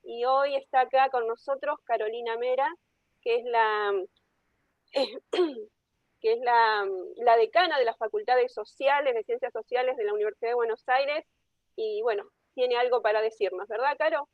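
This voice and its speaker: A woman moderating an online talk, introducing speakers with many pauses and fillers. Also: fairly high pitch, no echo, phone-quality sound.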